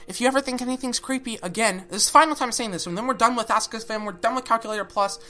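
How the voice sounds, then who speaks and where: A woman's voice: fairly high pitch, very fast, pushed and bright. A young woman hosting a reaction video, talking bluntly and sarcastically and swearing freely. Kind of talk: casual reaction commentary. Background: background music.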